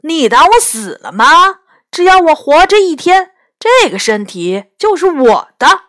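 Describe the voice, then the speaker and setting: A loud, defiant beast head from a children's storybook, as a woman reader puts it on. It shouts and refuses to share its body. Its voice sits high and swings widely. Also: sing-song, measured pace, no room sound, clean studio sound, exaggerated voice. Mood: angry. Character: hot-tempered beast head, loud and stubborn.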